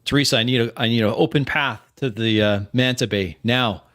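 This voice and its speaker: A man's voice: medium pitch, brisk, fairly bright tone, no echo, studio quality. A man playing a captain in a tabletop game, giving terse commands and narrating his own actions. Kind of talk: in-character role-play and action narration.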